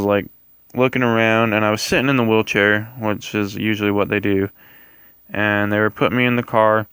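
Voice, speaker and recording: A young man tells a personal story in a casual vlog style. His voice is slightly low but bright and very clear, recorded dry and close. He rambles a little, hesitating and correcting himself as he goes. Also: dry recording. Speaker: vlogger.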